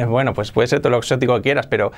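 A young man from Spain with a Spanish accent, hosting an energetic online English pronunciation lesson and repeating words to model them. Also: medium pitch, fast. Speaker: English pronunciation teacher, channel host.

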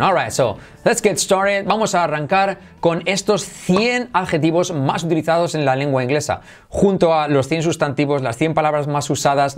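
A man with a Spanish accent from Spain, teaching an online English lesson and repeating words slowly to drill pronunciation. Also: on the high side.

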